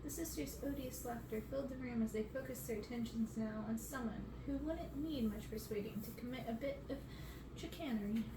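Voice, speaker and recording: A young woman with a somewhat high voice reads a storybook aloud for ASMR, going a little fast with hardly any pauses. She's indoors in her bedroom, and the recording sounds roomy, distant, and clearly noisy.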